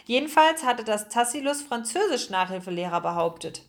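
A knowing little male hamster from a storybook, as a woman reads him, matter-of-fact and keen to explain. His voice sits fairly high. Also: big pitch swings, brisk.

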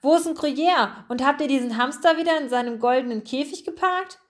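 A woman's voice: high-pitched, brisk, voice pushed up, close to an everyday voice. A woman voicing a hungry, easygoing male mouse who talks in casual slang, for a storybook. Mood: boisterous. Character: hungry laid-back male brown mouse.

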